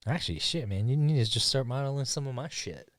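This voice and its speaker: A man hosting his own podcast in casual chat, rambling and laid-back with many restarts, sounding high. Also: animated, fast talker, a bit bright, no room sound, clean studio sound. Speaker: podcast host. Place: studio.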